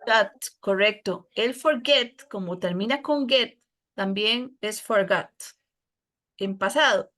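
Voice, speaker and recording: Slow, patient Costa Rican teacher woman. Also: medium pitch. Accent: Costa Rican Spanish. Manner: patient, explanatory, warm with students. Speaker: English teacher. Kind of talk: classroom lesson explanation.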